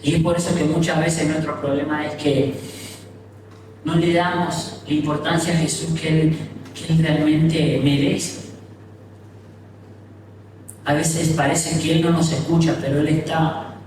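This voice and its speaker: A man pastor preaching a sermon, telling the story with dramatic pauses and questions to the audience. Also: a little high, flat delivery, darkish tone, a little hiss or hum. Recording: echoey hall from far off.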